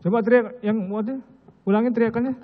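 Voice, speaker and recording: A man's voice: extremely high pitch, steady tone, fast. A male judge questioning a witness in court, probing and repeating her answers back to press for detail. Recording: echoey hall over a tinny, phone-like line.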